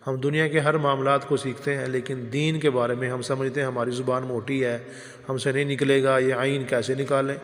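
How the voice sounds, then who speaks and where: A man's voice: medium pitch, little pitch movement. Patient male teacher, reverberant sound. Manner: patient, corrects pronunciation word by word. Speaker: mufti teaching recitation. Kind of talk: religious recitation lesson.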